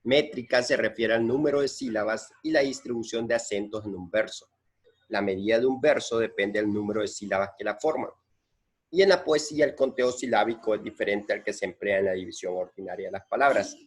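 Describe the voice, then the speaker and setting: A man's voice: on the low side, brisk, breathy edge. A man teaching a lesson, patiently explaining and repeating points and counting syllables aloud. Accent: Central American Spanish.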